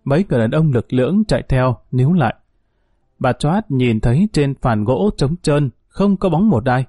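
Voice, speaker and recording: A man narrating a story audiobook in a steady, measured storytelling manner. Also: mid-range voice, husky, dry recording, studio quality.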